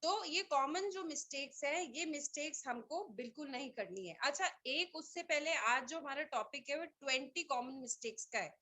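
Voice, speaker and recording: A woman giving a motivational team training talk, energetic and rallying, telling stories with quoted dialogue. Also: sits high. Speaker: team trainer for a direct-selling business.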